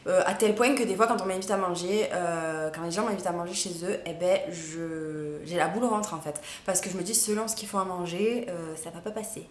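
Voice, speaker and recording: A woman's voice: on the low side, fairly quick, few pauses, a little hiss or hum. A young woman chatting casually to camera as a vlogger, with lots of fillers and hesitations. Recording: echoey room.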